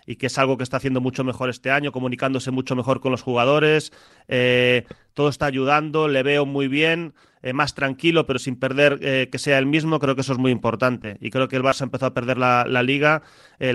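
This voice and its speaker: A man giving his view in a radio sports debate, measured and reflective, often hesitating before he goes on. His voice is smooth and resonant. It is recorded close and dry. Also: medium pitch, a bit bright, dry recording. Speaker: sports pundit.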